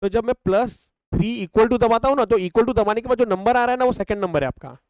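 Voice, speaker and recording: This math tutor is a young man with an Indian accent whose voice is extremely high-pitched and a little mellow, and he talks fast. Blending Hindi with English, he asks his class questions only to answer them himself while narrating calculator steps and counting terms out loud, all in a dry recording.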